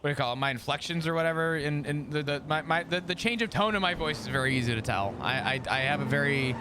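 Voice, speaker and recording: A man streaming a roleplay game, talking casually in a deliberately flat, bland monotone. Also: fairly high pitch, slight background noise.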